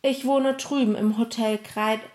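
Woman playing a smooth, lying thief. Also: fairly high pitch, steady tone, unhurried, a little mellow, natural voice. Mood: smug. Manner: polite, casual, falsely assured.

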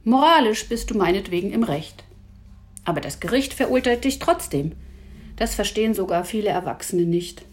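A woman's voice: medium pitch, lively intonation, normal speed, lightly acted. A woman voicing a bossy, clever boy who lectures his friends. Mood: lecturing. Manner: lecturing, indignant.

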